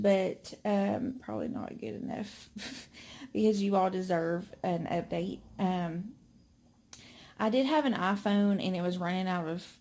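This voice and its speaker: Slow-talking pregnant young woman vlogging. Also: medium pitch, darkish tone. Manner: rambling, filler-heavy, friendly. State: slightly out of breath. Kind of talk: casual chat to camera. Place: home indoors. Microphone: phone camera.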